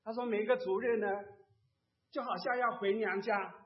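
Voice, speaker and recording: A man preaching to his congregation, gently telling a story and acting out the remarks of the people in it. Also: high voice, fairly even intonation, moderate pace. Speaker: pastor. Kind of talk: sermon sharing a testimony. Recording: dull lo-fi sound.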